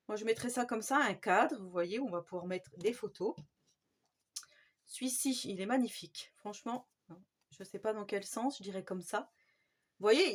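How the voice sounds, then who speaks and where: A woman with a French accent hosting a casual craft vlog, chatty and enthusiastic, with many fillers. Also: medium pitch. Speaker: scrapbooking channel host.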